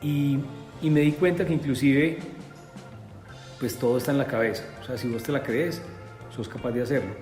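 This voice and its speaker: A man's voice: mid-range voice, moderate pace, pauses often, darkish tone, big-room sound, faint music behind. A man telling a personal story in a rambling way, full of filler words, as an interview guest. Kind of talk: conversational storytelling.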